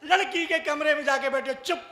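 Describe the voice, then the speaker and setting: A man telling a comic story on stage in a slow, theatrical way. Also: very high-pitched, fairly even intonation, bright, forceful tone. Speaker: comic poet performing on stage. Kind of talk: live stage comedy storytelling. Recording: echoey hall.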